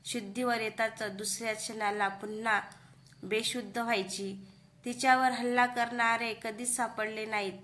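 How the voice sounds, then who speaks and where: A woman voicing a grieving middle-aged mother who speaks calmly and softly of her lost daughter. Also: a little high, moderate pace, few pauses, natural voice. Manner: calm, soft, sorrowful.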